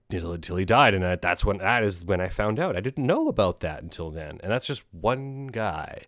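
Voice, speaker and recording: A man's voice: sits low, dry recording, clean studio sound. A man hosting a podcast, chatting casually about a film in a rambling way, with lots of fillers, restarts and casual swearing. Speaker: podcast host.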